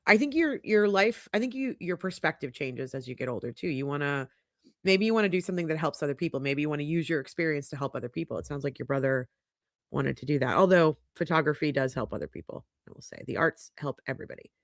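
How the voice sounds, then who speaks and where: A middle-aged woman hosts a livestream from her home podcast studio, sounding congested and sniffly as she frankly chats and reads viewer comments aloud. Her voice is deep with lively intonation, and she talks fast. The studio microphone gives a dry, clean recording.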